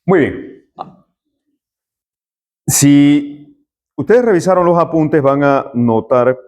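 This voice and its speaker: A man's voice: a little high, slow pace, a little mellow. A middle-aged man, a university lecturer taking roll and chatting with students in a classroom. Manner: friendly, chatty, jokes with students.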